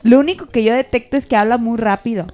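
A woman's voice: fairly high pitch, fast talker, dark tone. Teasing woman chatting with music behind. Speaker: co-host. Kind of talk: casual chat.

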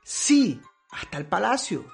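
A man voicing a frantic, breathless young girl who shouts for her mother. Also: high voice, big pitch swings, a little slow, creaky, soft background music, heavily acted. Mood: excited. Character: frantic young girl, the baby's older sister.

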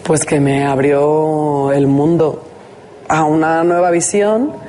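A young woman in her twenties, an interview guest, reflecting slowly and thoughtfully. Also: sits low, fairly even intonation, warm tone, a little hiss or hum. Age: 20s.

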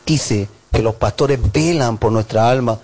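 A male pastor preaches a sermon in an animated style, at a measured pace and in a mid-range voice. He acts out different voices and stacks up emphatic lists.

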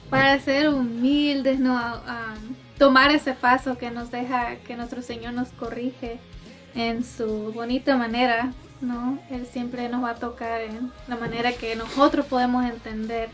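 A woman hosting a Bible talk, speaking gently and conversationally with small laughs. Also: fairly high pitch, flat delivery, takes it slowly, faint music behind. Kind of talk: casual devotional talk.

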